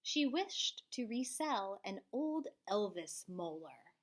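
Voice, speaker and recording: Her medium-pitched voice swings widely in pitch as she slowly reads a children's storybook aloud. Like a school librarian, the woman is expressive, alternating theatrical swells with hushed drops.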